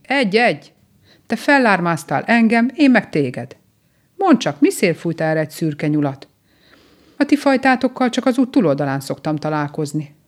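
A woman voicing a grumpy, proud old male mole in a storybook reading, loud and easily offended, with a ringing, brassy voice. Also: lowish voice, sing-song. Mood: teasing. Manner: loud, touchy and boastful.

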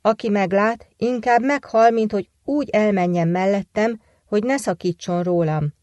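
A woman's voice: mid-range voice, a little mellow, no echo, muffled recording, lightly acted. A woman voicing the vengeful, scheming daughters-in-law of a witch in a folk tale, plotting a trap. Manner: plotting, boastful.

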